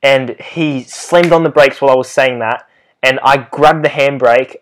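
A young man with an Australian accent, co-hosting a casual podcast chat and telling driving stories with animated, acted-out quotes. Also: mid-range voice, moderate pace. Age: young adult. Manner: animated storytelling, acts out quotes. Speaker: podcast co-host.

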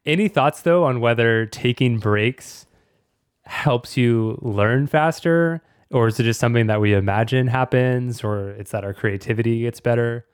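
A man's voice: mid-range voice, normal speed, smooth, no room sound, studio quality. A man hosting a podcast in a casual, fluent, talkative way. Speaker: podcast host.

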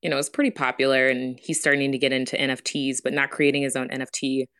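A community member chatting casually in an online Q&A, telling a short story in a relaxed way. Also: mid-range voice, fast talker, clean tone. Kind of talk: casual conversation.

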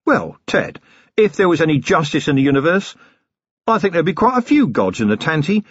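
A man's voice: a little high, very animated, brisk, slightly rough, no room sound, pitched above the performer's own voice. A man playing a shrewd, weary male police commander who coaxes patiently with dry irony, in a dry, slightly dull recording. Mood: coaxing. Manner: coaxing, patient, dryly ironic.

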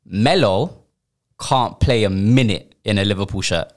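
A man's voice: on the low side, measured pace. A young man with a London roadman accent hosting a podcast, giving opinionated, slangy football banter. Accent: London, urban street slang style (roadman). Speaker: podcast host.

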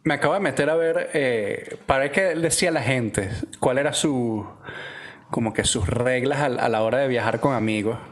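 A man, co-hosting a podcast, telling stories in a relaxed, slangy way with frequent restarts. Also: medium pitch, normal speed. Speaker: podcast co-host. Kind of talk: casual chat.

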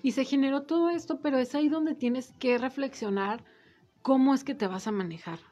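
A woman's voice: sits high, a little fast, mellow, lo-fi sound. A woman, a guest on a talk show, explaining social media in a casual, conversational way.

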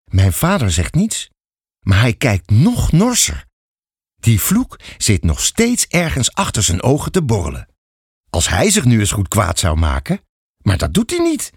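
A man narrating a children's audiobook fairy tale in an expressive storytelling manner. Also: mid-range voice, husky, no echo, clean studio sound.

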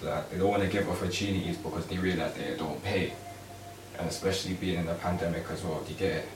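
A man's voice: deep voice, fairly even intonation, fast talker. A man giving his opinion in casual chat, with frequent tag questions. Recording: roomy, distant mic, faint noise.

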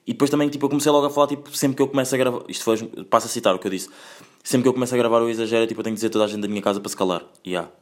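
A man's voice: medium pitch, rapid-fire. A man in his twenties from Angola, hosting a casual solo podcast from home in a loose, chatty way, full of slang and sprinkled with English phrases. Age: 20s. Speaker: podcast host.

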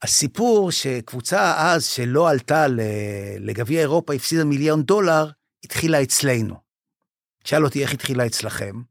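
A man's voice: on the high side, gravelly, no room sound, studio quality. An older man, a former basketball club manager, telling stories in an interview, acting out quoted dialogue and getting moved as he goes. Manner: animated storyteller, acts out quoted dialogue; emotional, says he is moved. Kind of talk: storytelling in a podcast interview.

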